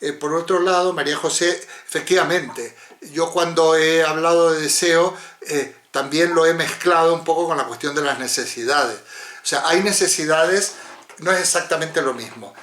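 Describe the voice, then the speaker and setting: A man's voice: a little high, moderate pace, a bit bright. A man moderating a philosophy seminar over a video call, talking in a discursive way and often ending with tag questions. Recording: roomy echo.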